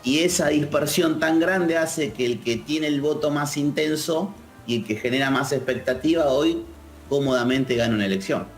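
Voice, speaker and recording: A man with an Argentine accent, a political analyst answering interview questions in a measured, thoughtful way. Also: fairly high pitch, roomy sound, soft background music. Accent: Argentine Spanish. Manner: measured, thoughtful, with frequent restarts.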